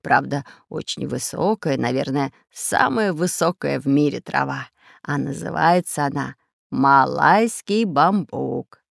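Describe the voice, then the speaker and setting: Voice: medium pitch, expressive, unhurried, vocal fry, no room sound, studio quality. A storybook narrator voicing a learned geographer professor who explains things patiently. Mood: explaining. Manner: explaining, lecturing.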